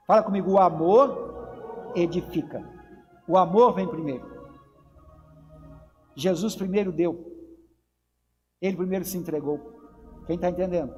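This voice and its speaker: A man's voice: very high-pitched, a little mellow. A Brazilian man, a pastor, preaching an emphatic sermon in church and calling out to the congregation. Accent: Brazilian Portuguese. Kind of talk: lively Pentecostal sermon. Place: church sanctuary. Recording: church hall reverb with faint music.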